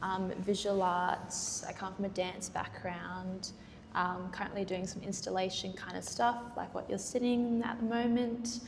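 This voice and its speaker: A woman's voice: medium pitch, level tone, unhurried, gravelly. An Australian woman, a guest artist on a gallery panel, speaking hesitantly and casually with many fillers. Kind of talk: public panel conversation. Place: gallery event space. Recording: roomy hall reverb, faint noise.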